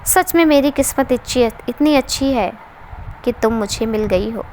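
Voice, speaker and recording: A woman's voice: fairly high pitch, moderate pace, a little mellow, slight background noise, lightly acted. A woman voicing a tender, lovestruck young man in a read-aloud story, barely changing her own voice. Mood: adoring.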